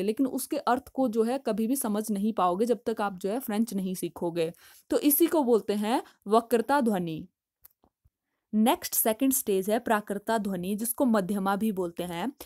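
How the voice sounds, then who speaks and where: A woman explaining a study topic in a patient, step-by-step way, reading English lines slowly before explaining them. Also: a little high, a little mellow, no room sound, studio quality. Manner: explanatory, patient, with frequent filler phrases. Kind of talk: study lesson in Hindi mixed with English.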